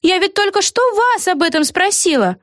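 A woman's voice: extremely high pitch, lively intonation, normal speed, dry recording, clean studio sound, pitched above the performer's own voice. A woman voicing a cheerful, scatterbrained young witch girl in a storybook reading, bubbly and sing-song. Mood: cheery.

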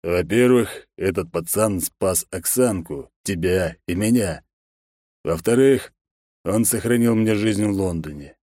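A rough, jealous hitman, played by a male audiobook reader with a deep, dry voice. He drawls his crude threats slowly and with contempt. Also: warm tone, dry recording. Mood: gruff. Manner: gruff, slow drawl, crude.

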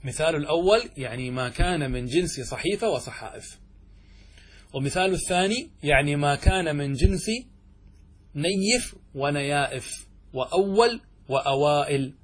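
A man's voice: fairly high pitch, animated, normal speed, breathy edge. A man teaching a classroom grammar lesson as a sheikh. He keeps asking the students questions, repeats the answers and drags out key words for emphasis.

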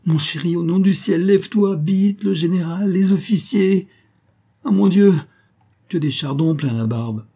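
A man's voice: mid-range voice, expressive, brisk, warm tone, husky, voice pushed up. A man voicing a tender, anxious young lady of the manor in a storybook reading, pleading urgently.

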